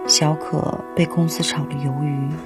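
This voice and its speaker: A woman narrating a TV drama in voice-over, calm and measured. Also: deep voice, close to an everyday voice. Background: loud piano music.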